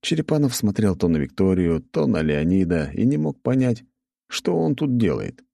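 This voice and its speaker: A man narrating an audiobook with expressive storytelling. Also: lowish voice, moderate pace, gravelly, no room sound.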